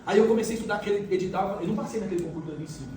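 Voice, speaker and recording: This middle-aged motivational speaker fires off words rapidly in a high, warm voice, hammering points with repeated phrases and emphatic storytelling. Echo fills the large event hall, the mic is distant, and there's faint noise.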